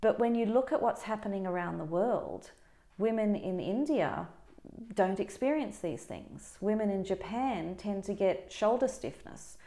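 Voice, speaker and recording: A woman practitioner of Chinese medicine, answering interview questions in an animated, explanatory way. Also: mid-range voice, a little slow, reverberant. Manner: animated, explanatory, does dramatic quoted voices.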